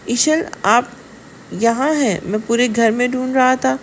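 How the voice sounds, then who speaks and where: A woman narrator voicing a reserved young man who speaks gently and quietly in a high, gravelly voice. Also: a little hiss or hum, lightly acted. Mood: gentle.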